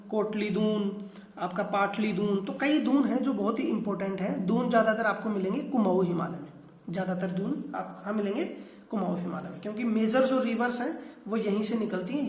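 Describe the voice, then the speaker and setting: A man's voice: high-pitched, darkish tone, echoey room. A man teaching a geography class, explaining step by step, often asking a question and then answering it himself. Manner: explanatory, repeats key terms.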